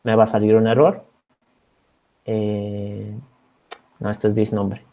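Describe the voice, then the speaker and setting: The speaker is a Bolivian man serving as a TA for an online coding class, explaining code in steps and frequently checking on his students. His lowish voice is completely flat and slow. It's captured over a video call with slightly dull sound.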